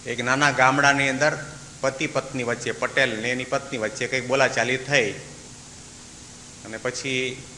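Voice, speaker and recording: A man's voice: mid-range voice, flat delivery, normal speed, pauses often, sharp tone. A man, a swami, giving a devotional sermon, telling a story and voicing its characters as he goes. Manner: acts out the dialogue of his story, breaks into sung verses. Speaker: swami giving a religious discourse. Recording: echoey hall with faint hiss.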